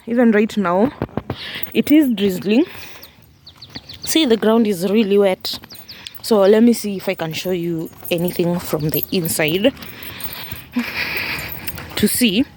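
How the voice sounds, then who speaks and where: A woman's voice: mid-range voice, slow pace, long pauses, darkish tone, slight background noise. A woman vlogging casually from a house building site, rambling with fillers and talking around a candy in her mouth. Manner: chatty, rambling, with fillers and laughs. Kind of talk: casual vlog narration.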